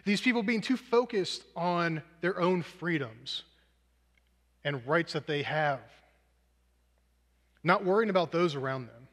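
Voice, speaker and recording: A man's voice: fairly high pitch, expressive, a little slow, pauses often, a bit bright. A man preaching a sermon, earnest and self-deprecating, drawing on movie examples, in a church hall with long reverb.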